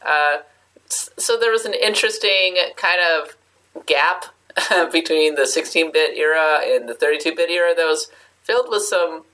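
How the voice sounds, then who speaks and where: A woman's voice: low-pitched, normal speed, bright, forceful tone, low-quality recording. A woman hosting a podcast in a casual, chatty, conversational way. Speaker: podcast host.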